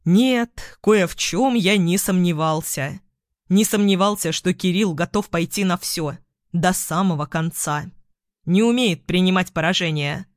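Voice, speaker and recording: A woman voicing a weakened, tense ex-husband who alternates between shouting and pleading, read in her own voice. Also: on the low side, measured pace, no room sound, clean studio sound, close to an everyday voice. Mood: angry. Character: strained, weakened ex-husband, middle-aged man.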